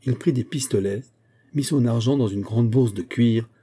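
Dark, husky male audiobook narrator. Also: medium pitch, moderate pace.

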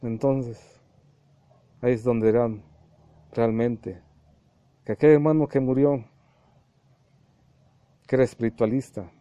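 A man's voice: mid-range voice, fairly even intonation, slow, pauses often, dark tone, no room sound, dull audio. A man, a spiritualist medium preaching a channeled sermon to his followers, repeating points and acting out quoted dialogues. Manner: addresses listeners as little brothers, repeats himself, acts out quoted dialogues.

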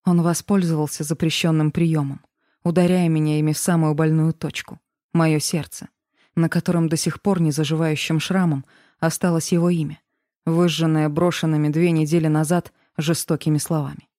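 A woman's voice: low-pitched, little pitch movement, moderate pace, mellow, dry recording, studio quality. A woman narrating a first-person romance audiobook with an emotional, dramatic reading.

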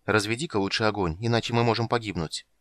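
A man voicing a proud, bitter young woman priestess in an audiobook, lifting his voice higher and speaking firmly. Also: quick pace, no room sound, close to an everyday voice. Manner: raised pitch, firm and reproachful.

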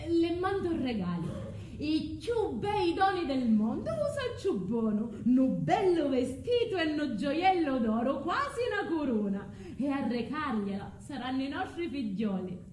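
High, theatrical vengeful Medea. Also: female voice, very animated, unhurried, a little mellow. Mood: feigned meekness. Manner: theatrical, declamatory, dialect and Spanish mixed in. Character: Medea, scorned foreign sorceress mother, cunning and vengeful. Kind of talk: solo stage monologue of classical tragedy. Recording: roomy stage sound with music.

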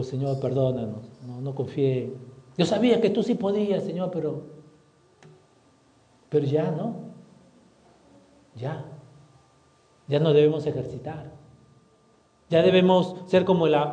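A man pastor preaching a sermon, asking the congregation questions and swinging from loud to hushed. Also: fairly high pitch, roomy sound. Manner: preaching with rhetorical questions, dramatic shifts in volume.

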